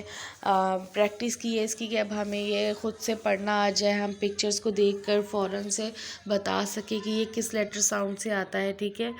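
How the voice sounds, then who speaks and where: A pre-nursery teacher, slowly drilling phonics letter by letter in a recorded homework lesson for parents and children. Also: female voice, medium pitch. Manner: slow, drawn-out phonics drilling, sounding out each letter.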